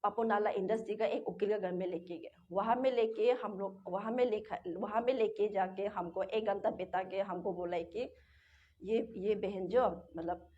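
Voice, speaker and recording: Here an interviewee, a young woman native to Arunachal Pradesh in Northeast India who grew up speaking a local language, tells her story in a distressed, looping, repetitive way. Her mid-range voice is dark-toned and moves at normal speed. The lo-fi recording sounds dull, with slight background noise.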